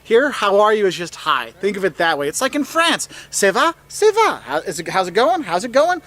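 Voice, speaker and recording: A man with a fairly high voice talks visitors through travel advice. His delivery is enthusiastic and he jumps up in pitch whenever he quotes a phrase. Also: big pitch swings, a little fast, fairly bright tone. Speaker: travel video host.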